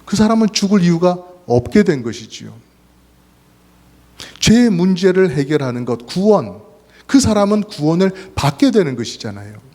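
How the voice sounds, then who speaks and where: Korean pastor preaching in a reverberant hall. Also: male voice, high-pitched, big pitch swings, moderate pace, a little mellow. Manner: earnest preaching with swells of emphasis. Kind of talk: sermon. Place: church sanctuary.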